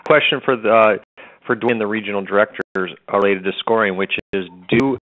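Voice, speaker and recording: A man introducing himself as an executive director and putting a formal question to a panel. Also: fairly low pitch. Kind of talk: webinar question. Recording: phone-line audio.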